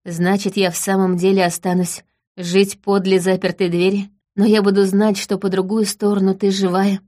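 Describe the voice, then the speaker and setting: A woman voicing a gentle young mortal man in an audiobook, speaking quietly and wistfully. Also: mid-range voice, little pitch movement, normal speed, lightly acted. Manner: quiet, hushed. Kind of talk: audiobook reading.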